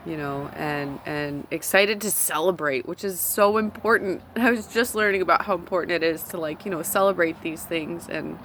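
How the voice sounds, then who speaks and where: A woman's voice: fairly low pitch, moderate pace, hardly any pauses, fairly bright tone, slight background noise. A woman telling a story in a casual video journal while smoking in her parked van, rambling with lots of fillers. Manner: rambling, filler-heavy retelling with many "like"s. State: smoking a cigarette while talking. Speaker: vlogger. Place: sitting in a parked van at a gas station.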